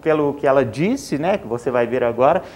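A man hosting a local TV news interview, prompting his guest in a conversational way and often tagging questions with a quick check for agreement. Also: mid-range voice, animated, darkish tone. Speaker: TV news host.

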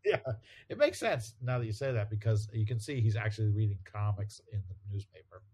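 Laid-back man recapping comics, low voice. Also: fairly quick, slightly rough. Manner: relaxed, laughs often, recaps by paraphrasing. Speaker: podcast co-host recapping comics. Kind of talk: casual chat.

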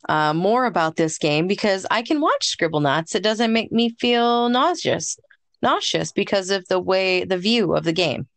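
A woman co-hosting a casual podcast chat, speaking in a gentle, encouraging and thoughtful way. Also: mid-range voice, expressive, normal speed, dry recording. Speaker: podcast co-host.

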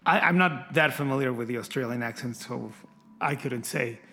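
A young man co-hosting a casual film podcast, talking in an animated, emphatic way. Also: medium pitch, moderate pace, soft background music. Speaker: podcast co-host.

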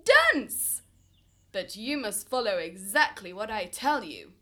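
A woman's voice: mid-range voice, lively intonation, moderate pace, fairly bright tone, voice pushed down, close to an everyday voice. A woman playing a firm, commanding wise man. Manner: firm, instructive. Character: calm, commanding male sage.

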